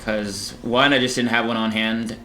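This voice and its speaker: Bright-voiced man streaming a game, sweary. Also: medium pitch, flat delivery, moderate pace, slight background noise. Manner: sweary, informal, exclamatory. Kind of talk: casual gaming stream commentary.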